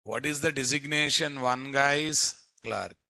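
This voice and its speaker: A man with an Indian Telugu accent teaching a live software class as instructor, often repeating phrases and quizzing his listeners. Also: medium pitch, a little slow, creaky, no room sound. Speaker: programming instructor.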